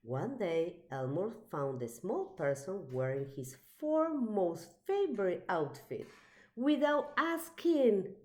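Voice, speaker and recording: Reading a children's picture book aloud, a woman uses her mid-range voice to tell the story with expression and deliberate care.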